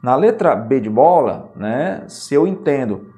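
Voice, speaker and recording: A middle-aged man with a Brazilian Portuguese accent talks through grammar questions for exam students. He explains step by step and keeps checking that his listeners follow. His voice sits at an ordinary pitch for a man. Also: very animated, unhurried, mellow. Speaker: Portuguese teacher. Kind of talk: exam-prep grammar lesson.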